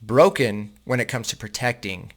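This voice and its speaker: A man's voice: medium pitch, moderate pace. Indignant man reading an article aloud. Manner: indignant, sarcastic asides; casual, addresses viewers as guys. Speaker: host reading and commenting on an article. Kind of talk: casual commentary while reading aloud.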